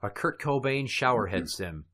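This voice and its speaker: A man's voice: medium pitch, expressive, moderate pace, heavy background noise. A man hosting a comedy podcast, chatting casually and telling crude, morbid jokes. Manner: dark crude joking, storytelling. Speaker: podcast host.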